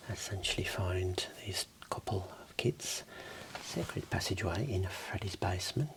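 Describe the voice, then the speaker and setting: Casting: male ASMR host, low-pitched, whispered library-tour delivery, breathy and unhurried. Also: fairly even intonation. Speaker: host showing own book collection.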